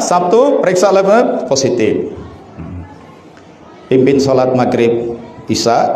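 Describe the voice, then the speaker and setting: A middle-aged male Sufi preacher, telling a story in a sermon and leaping into high, excited bursts. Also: a little hiss or hum. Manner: calls himself the one telling a sick man's story. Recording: echoey room with faint ambience.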